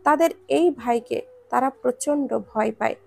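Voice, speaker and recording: A woman narrates a scripted story with expressive delivery. Her voice is high, with a noticeable gravelly fry. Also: measured pace.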